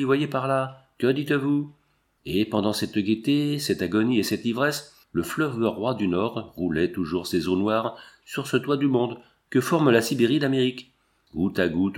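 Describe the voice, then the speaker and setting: A man narrating a novel in an expressive, measured reading. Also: on the low side.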